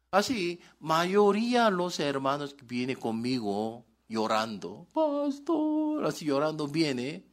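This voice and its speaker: A male pastor preaching a sermon in broken, article-dropping Spanish, asking the congregation questions and answering them himself. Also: fairly high pitch.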